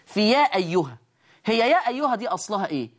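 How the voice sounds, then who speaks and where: A Quran recitation teacher with an Egyptian accent teaches tajweed on screen, walking through each step and posing questions she then answers herself. Her mid-range voice is sing-song and fast, recorded in a studio with a control room.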